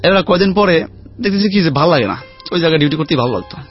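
A man telling a lively story about his life as a guest in a casual chat. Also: fairly high pitch, racing. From Khulna region, Bangladesh. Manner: lively anecdotal storyteller, chatty. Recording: dull lo-fi sound with faint music.

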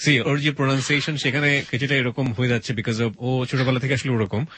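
A husky-voiced man hosts an interview. He talks quickly, prompts his guest often, and murmurs his agreement, and the sound is dry and close. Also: medium pitch, level tone, a bit bright, no room sound. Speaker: host.

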